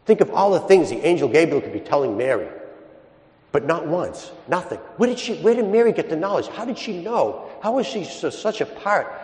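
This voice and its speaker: A man's voice: a little high, very animated, brisk, a little mellow. A man, a priest, reads the gospel and preaches a chatty homily at Mass, asking his listeners questions, in a church with a long echo. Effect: long echoing church reverb. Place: large church. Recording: echoey church hall with long reverb.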